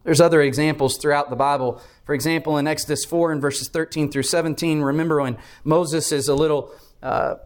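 A man's voice: a little high, steady tone, fairly quick. A man preaching a Bible class sermon, explaining step by step and repeating key phrases for emphasis.

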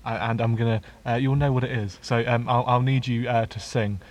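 A man's voice: mid-range voice, steady tone, brisk. A man co-hosting a podcast, chatting casually and eagerly butting in with trivia. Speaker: podcast co-host. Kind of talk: casual chat.

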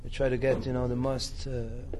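A man's voice: mid-range voice, monotone, moderate pace. A man from Reunion Island, a singer and guitarist, talking in an easygoing way with many "you know"s. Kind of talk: casual interview chat. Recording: loud music behind.

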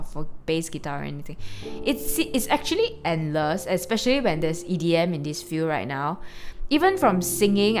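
A chatty young woman in her early 20s hosts a podcast, speaking in a low voice over clearly audible background music. Her casual personal monologue rambles, full of fillers and restarts.

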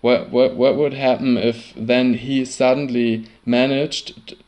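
A man recounts a personal story at an unhurried pace. His voice stays fairly flat, and he often stumbles, restarts and repeats words as he searches for what to say. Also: mid-range voice. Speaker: sailor recounting a trip.

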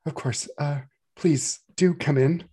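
A man's voice: fairly high pitch, takes it slowly, mellow, breathy edge, pitched above the performer's own voice, full character voice. A man voicing a harried young mother who stammers through flustered apologies.

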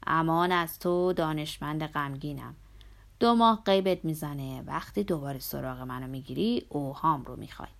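A woman voicing a brash, good-humored madam who talks bluntly and scolds loudly in a storybook reading. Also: deep voice, gravelly. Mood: teasing.

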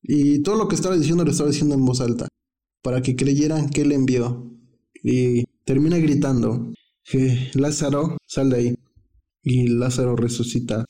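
A man's voice: medium pitch, mellow. Slangy Mexican man teaching the Bible. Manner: chatty and slangy, thinking aloud. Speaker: preacher.

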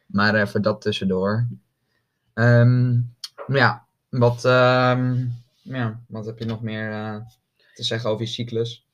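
A young man chatting casually as a podcast co-host, halting with many fillers and restarts. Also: medium pitch, flat delivery, dull audio. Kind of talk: casual chat.

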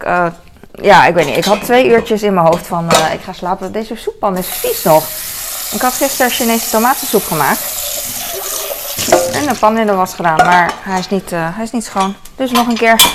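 Dishes clatter and cutlery clinks nearby, making the recording very noisy. Through it, a medium-pitched middle-aged woman chats loosely for her vlog from her home kitchen, wandering off topic and filling gaps with fillers.

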